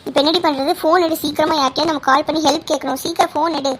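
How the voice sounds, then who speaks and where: Cartoon girl friend, a woman voicing her, quick and high, spins ghost stories. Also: steady tone, fairly bright tone, a little hiss or hum. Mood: scared. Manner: fast, chatty storytelling, often adds "okay?". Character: chatty storyteller girl who scares easily.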